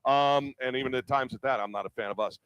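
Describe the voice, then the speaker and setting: A man's voice: mid-range voice, quick pace, a bit bright, clean tone, no echo, highs cut off. Rambling man with dry, close sound. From upstate New York. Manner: rambling, with stammered restarts. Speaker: show host. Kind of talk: casual live-show banter. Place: upstairs room of a bar, live show.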